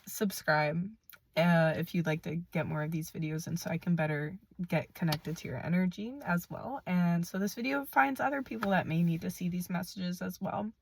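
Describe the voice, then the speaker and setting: A woman giving a gentle, affirming spiritual reading to camera, her voice a little rough from being sick, with frequent fillers and soft laughs. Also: lowish voice, moderate pace. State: voice a bit rough from illness. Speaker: spiritual card reader. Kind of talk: channeled collective reading to camera.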